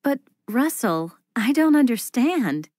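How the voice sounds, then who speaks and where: A woman voicing a young woman soothing her boyfriend in a scripted textbook dialogue, slow and clearly articulated. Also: a little high, sing-song, a little mellow, dry recording, clean studio sound, full character voice.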